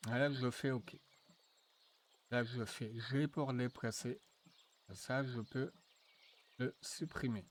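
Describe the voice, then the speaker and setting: A man walking viewers through a software tutorial, thinking aloud with frequent fillers and restarts. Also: medium pitch, steady tone, slight background noise. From France. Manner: slow, hesitant, thinking aloud with many fillers. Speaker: tutorial presenter. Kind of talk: screen-recorded software tutorial.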